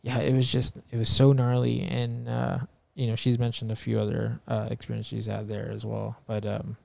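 A man's voice: on the low side, monotone, normal speed, vocal fry, darkish tone, no room sound. A man telling a story as a podcast guest, rambling and full of filler words, swearing a lot, earnest and emphatic. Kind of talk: casual chat.

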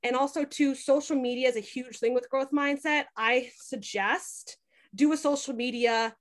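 Her voice high and her pace moderate, a young podcast host chats through an interview, animatedly relaying stories packed with "like" and acted-out dialogue.

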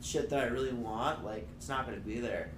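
A man's voice: mid-range voice, a little fast. A young man talking as a podcast guest in casual chat, loose and profane, laughing often. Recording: echoey room, faint background noise.

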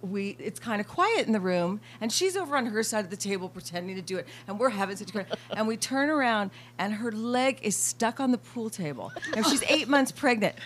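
A woman's voice: mid-range voice, a little fast, hardly any pauses, a little hiss or hum. A woman, a former dancer, telling funny stories in a casual chat with friends, laughing as she goes. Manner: animated, laughing through anecdotes. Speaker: friend sharing memories.

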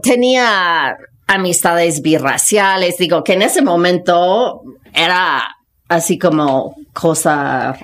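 On a podcast, an American woman in her fifties with a lower-pitched voice tells her life story, slow and expressive. She's casual and frank, full of slang, and English phrases slip in because it's her first language.

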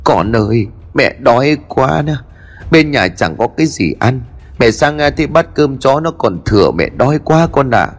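A man voicing a meek, starving mother over sixty who pleads slowly in a quavering voice. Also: medium pitch, sing-song. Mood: pleading.

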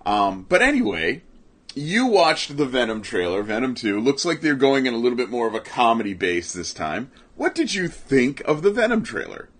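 A man's voice: mid-range voice, very animated, moderate pace, fairly bright tone. Jokey rambling male podcast host. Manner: jokey, rambling, self-mocking. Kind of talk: casual comedic chat.

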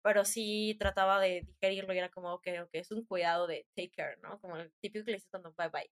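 A woman's voice: medium pitch, steady tone, quick pace. A young woman with a Mexican Spanish accent, chatting casually and rambling through a story with slangy fillers.

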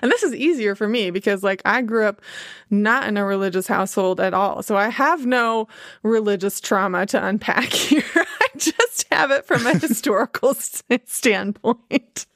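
A woman with a Midwestern accent hosts a casual podcast chat at normal speed, her medium-pitched voice a bit bright. She laughs often and uses "like" a lot, recorded cleanly in a studio with no echo.

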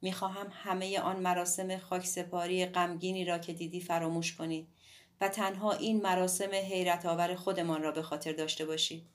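A woman voicing a warm, frank middle-aged woman musician in an audiobook, speaking tenderly and earnestly. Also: on the low side, little pitch movement, lightly acted. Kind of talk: audiobook dialogue.

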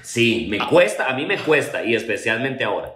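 A man co-hosting a podcast speaks at a middle pitch. He banters in a jokey, slangy way during casual chat. His voice carries a roomy echo. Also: very animated, normal speed, fairly bright tone. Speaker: podcast co-host.

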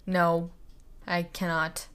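A woman's voice: on the low side, little pitch movement, slow pace, fairly bright tone, clean tone. A young woman hosting a casual solo podcast, chatty and giggly, stumbling over words as she reads out questions. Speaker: podcast host.

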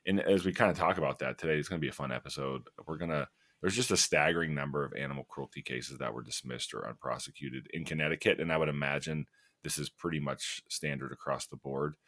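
Male podcast co-host, very deep voice, dry and close, casual rambling chat. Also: fast talker, a bit bright, no room sound. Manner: rambling, self-interrupting, laughs at himself.

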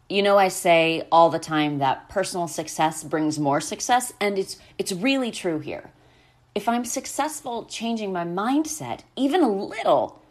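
A woman hosting a podcast, talking in a conversational way straight to her listeners. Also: mid-range voice. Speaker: podcast host.

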